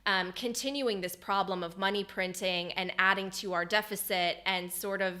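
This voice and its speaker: A woman's voice: mid-range voice, steady tone, normal speed, pushed and bright. A woman hosting an interview, asking long, curious questions in a conversational way with some fillers. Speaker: interview host.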